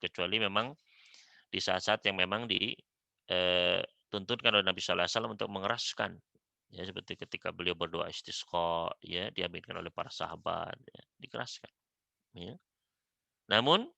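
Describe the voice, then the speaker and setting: Guy teaching a religious class, slow careful recitation, very bright edgy voice, dry close sound. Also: lowish voice, creaky, no echo. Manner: measured teaching, fills pauses with a repeated affirming word; recites Arabic prayers slowly and deliberately. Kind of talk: religious study lecture.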